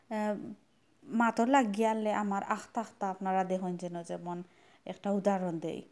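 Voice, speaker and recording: A young woman vlogger with a Sylheti accent talks casually to her viewers. She drifts between regional dialect and standard speech, and her telling is soft and reflective. Her pitch sits at a middling level. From Sylhet, Bangladesh. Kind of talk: casual chat to camera.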